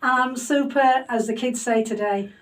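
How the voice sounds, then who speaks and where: In her home loft, a woman hosts a homemade podcast interview, chatting casually with a self-deprecating streak and lots of fillers. Her voice is fairly high and moves at a normal speed. The audio is poor, captured from a distance.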